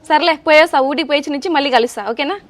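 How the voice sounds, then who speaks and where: Woman playing a cheerful employee, high and rapid. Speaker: office employee in a comedy skit. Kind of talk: comic sketch acting.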